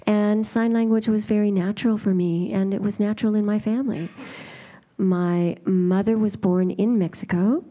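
A woman speaks for a signer as a live interpreter, turning signed words into spoken first-person storytelling. Her tone is mellow and warm, her delivery calm and measured, never rushed. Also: mid-range voice. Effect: live spoken interpretation voicing signed speech. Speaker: sign language interpreter.

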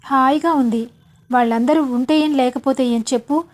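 A bubbly, affectionate young sister with a teasing streak, put on by a woman telling the story. Her voice sits high and her talk runs quick and lively. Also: close to an everyday voice. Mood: cheerful.

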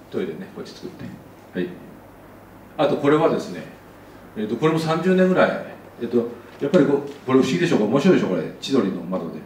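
A man's voice: mid-range voice, darkish tone, reverberant, distant mic, a little hiss or hum, poor audio. A man giving a casual slide lecture as an architect, chatty, with many asides.

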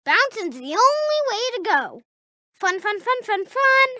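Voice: extremely high pitch, sing-song, unhurried, sharp tone, dry recording, studio quality, heavily acted. A young-sounding performer voicing a sweet, playful little kangaroo child in a video game, eager and full of exclamations. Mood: gleeful. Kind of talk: video game character voice clips.

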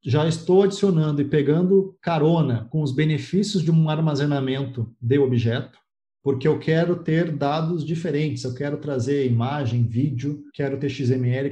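A man's voice: medium pitch, mellow, roomy sound. A man giving a slide-based technical presentation on cloud data architecture, explaining step by step and speaking directly to his viewers with challenges to try.

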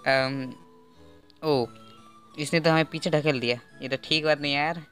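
A man's voice: fairly high pitch, steady tone, unhurried, a bit bright, faint music behind. A man doing game playthrough commentary with amateur dubbing, joking and self-mocking, recorded on an earphone mic held close to his mouth. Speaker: gaming YouTuber.

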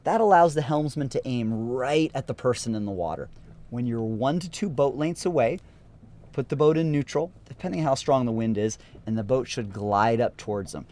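A man's voice: medium pitch, animated, moderate pace, darkish tone. A man in his thirties, a sailing instructor, giving an upbeat and practical lesson on a sailboat outdoors. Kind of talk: casual instructional talk.

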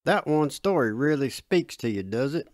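A drawling redneck father, gruff on top but proud of his daughter, as a man acts him out. His pitch rises and falls freely, and the voice sounds close and dry, like a storybook audio reading. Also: expressive, normal speed, dry recording, lightly acted. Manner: drawling dialect.

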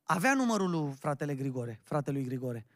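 A man's voice: a little high, sing-song, a bit bright. A man preaching a sermon to his congregation as their pastor, emphatic and often calling out questions to them. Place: church hall. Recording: long church-hall reverb.

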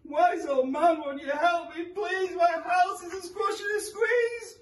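A man doing a shrill fretful old lady. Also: fairly even intonation, a little slow, shouting. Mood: pleading. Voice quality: shrill, wailing. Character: fretful little old woman, shrill and pleading. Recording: roomy, from a distance.

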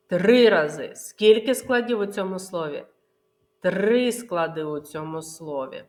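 Woman kindergarten teacher, unhurried, animated pitch, sing-song syllables for little kids. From Ukraine. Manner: slow, sing-song syllable-by-syllable pronunciation for small children. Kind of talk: literacy lesson for young children.

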